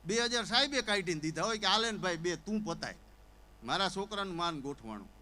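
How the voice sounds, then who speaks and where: A man's voice: high-pitched, fairly quick, rough recording. A man telling a comic story on stage, acting out characters with stammers and sobs. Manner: animated, acts out characters with stammers and sobbing. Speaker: stand-up comedian. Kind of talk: Gujarati folk comedy storytelling on stage.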